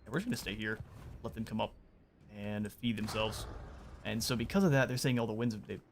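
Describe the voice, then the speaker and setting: A man streaming a strategy game, giving relaxed, chatty commentary and explaining his moves and the game's lore as he plays. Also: fairly low pitch, fairly quick, a little hiss or hum. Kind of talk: casual gameplay commentary.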